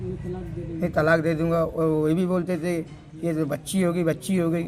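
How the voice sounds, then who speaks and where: A man's voice: fairly high pitch, little pitch movement, normal speed, a little mellow, poor audio. A man from Madhya Pradesh, the victim's brother, speaking in an agitated way in a street interview and demanding justice. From Madhya Pradesh, India. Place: outdoors by a road. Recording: outdoor street with traffic noise.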